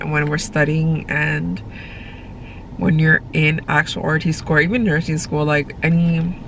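Sitting in a parked car with her phone camera at arm's length, a young woman with congestion chats casually to camera, wandering from point to point and filling gaps with fillers. Her voice is deep with a fairly bright tone, and the audio is poor, with faint car background noise.

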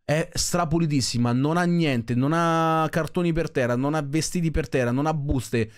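A man's voice: on the high side, normal speed. Skeptical man ranting. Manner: skeptical, rambling with restarts. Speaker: reaction video host. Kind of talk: casual commentary.

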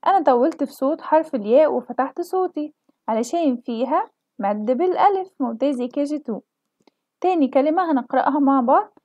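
High-voiced woman teaching children letters. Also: dry recording, highs cut off. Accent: Egyptian Arabic. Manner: slow drawn-out model pronunciation for children. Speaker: kindergarten teacher. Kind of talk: children's alphabet lesson.

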